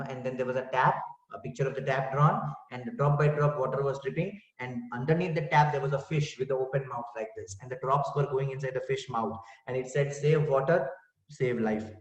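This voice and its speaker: A man's voice: medium pitch, fairly even intonation, fast talker, hardly any pauses. A man giving an inspirational spiritual talk, asking rhetorical questions and saying "you know" often. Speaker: spiritual speaker. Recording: dull far-off roomy recording.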